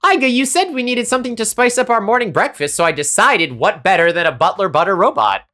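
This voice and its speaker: A woman's voice: mid-range voice, animated, fast talker, pushed and bright, pitched above the performer's own voice. A woman voicing a fond, teasing female bear who leads the base, speaking in an affectionate way.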